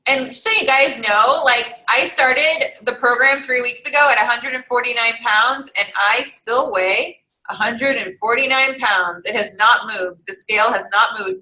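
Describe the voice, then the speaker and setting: Young female fitness coach, high bright voice, casual encouraging talk, roomy echo. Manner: chatty, encouraging, thinking aloud through calculations. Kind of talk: casual online group coaching.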